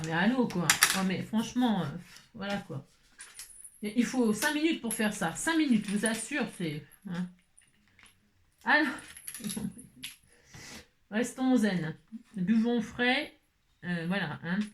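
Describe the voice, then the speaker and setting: A woman's voice: mid-range voice, animated, normal speed. A woman hosting a casual crafting tutorial, chatty and exasperated, constantly adding "hein". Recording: echoey room, faint noise.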